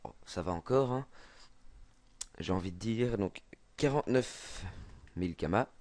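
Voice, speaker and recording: Hesitant Belgian man, low voice. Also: lively intonation, unhurried, darkish tone, no echo. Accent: Belgian French. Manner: hesitant, many fillers and restarts. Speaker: gaming tutorial maker. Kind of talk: casual screen-recorded game tutorial.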